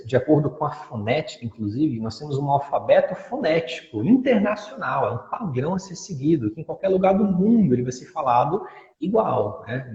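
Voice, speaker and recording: A man's voice: on the high side, warm tone. Man explaining in an echoey room. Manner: explains patiently, models pronunciations with examples. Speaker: English teacher. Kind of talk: explanatory interview talk. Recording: dull audio in an echoey room with long reverb.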